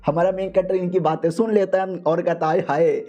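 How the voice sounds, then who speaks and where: Chatty high-voiced man narrating a recap. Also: flat delivery, fast talker, warm tone, highs cut off. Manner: chatty, informal, addresses viewers. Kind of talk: casual story recap narration.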